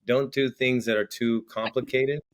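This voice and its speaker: Speaking at a moderate pace with fairly even intonation, a medium-pitched man explains ideas as a podcast guest. He's an entrepreneur and coach who keeps repeating words as he chats.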